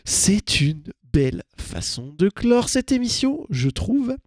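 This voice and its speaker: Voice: mid-range voice, sing-song, slow, a little mellow, no room sound, studio quality. A radio host wrapping up a show in a chatty, self-mocking way, with playful asides. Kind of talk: casual radio show outro.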